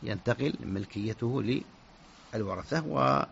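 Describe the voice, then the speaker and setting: A man's voice: fairly low pitch, vocal fry, a bit bright, slight background noise. A man, an Islamic scholar, answers listener questions on the radio, often stopping and restarting his words. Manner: halting, many restarts and repeated syllables. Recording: dull lo-fi radio recording.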